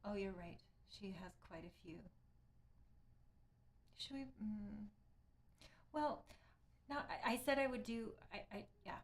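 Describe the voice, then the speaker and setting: A woman's voice: mid-range voice, expressive, unhurried, long pauses. A middle-aged woman chatting casually with viewers while wrapping up a live stream, rambling a little and thanking people as she goes.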